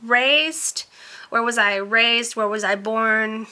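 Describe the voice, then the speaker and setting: A young woman talks straight to the camera in a relaxed Q&A vlog. Her voice is very bright and sits a little high. She rambles, filling her chatty answers with ums and likes. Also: takes it slowly, smooth. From born in Romania, raised in Tennessee. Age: 20s. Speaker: beauty vlogger. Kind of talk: casual Q&A chat to camera.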